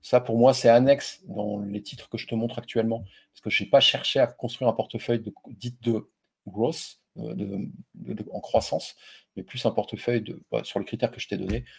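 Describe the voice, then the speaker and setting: Gravelly and husky, this middle-aged man's mid-range voice moves at a normal speed as he hosts an informal investing talk. A native French speaker, he addresses viewers directly, uses plenty of fillers, and keeps the explainer familiar and casual.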